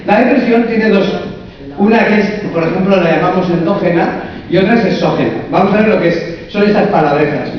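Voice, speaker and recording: Man, fairly high voice, coach giving a humorous conference talk, heard from far off in a big echoey hall. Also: highs cut off, slight background noise. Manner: humorous, lively, asks the audience many rhetorical questions. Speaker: coach and therapist speaking at a conference.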